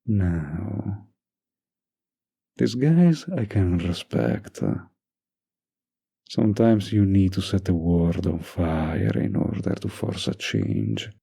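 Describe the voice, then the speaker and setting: A male actor with a low, gravelly, husky voice plays a doting, dominant young mafia heir in an intimate boyfriend roleplay. His murmured delivery is teasing and possessive, sing-song and slow with long pauses, mellow and exaggerated, sounding musing and confident.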